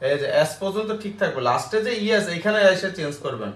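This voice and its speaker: A man teaching an online English grammar class, spelling words out slowly and checking with the class after each step. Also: high voice, animated, a bit bright. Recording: roomy echo.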